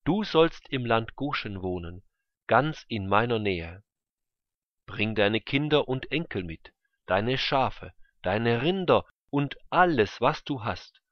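A man voicing Joseph, a powerful man forgiving his brothers, speaking slowly and earnestly. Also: medium pitch, animated, no room sound. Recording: dull lo-fi recording.

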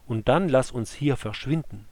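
A man's voice: mid-range voice, normal speed, a little mellow, no room sound, lightly acted. A man voicing David, earnest young warrior. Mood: solemn. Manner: raised, imploring delivery. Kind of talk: scripture storytelling.

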